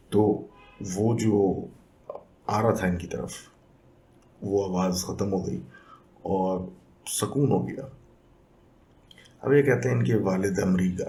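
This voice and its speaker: A man narrates listener-sent stories as a podcast host. His voice sits low and warm, and he talks in an unhurried, conversational way, slipping English phrases into his telling. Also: a little hiss or hum. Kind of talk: casual storytelling narration.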